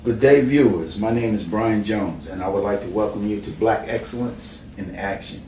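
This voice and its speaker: A man from Bermuda who was raised in New Jersey hosts an interview, speaking formally and haltingly with many pauses. His voice is lowish and dark in tone, captured on a distant mic in an echoey room with faint noise.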